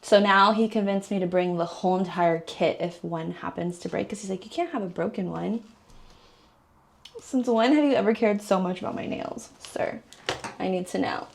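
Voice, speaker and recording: Giddy chatty woman with some vocal fry. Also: mid-range voice, fairly quick, a little hiss or hum. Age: 30s. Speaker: vlogger. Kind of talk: casual vlog chat.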